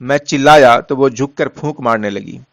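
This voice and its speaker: A man narrating a story in a measured, steady way, softening his voice for quoted lines. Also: medium pitch, gravelly, no room sound.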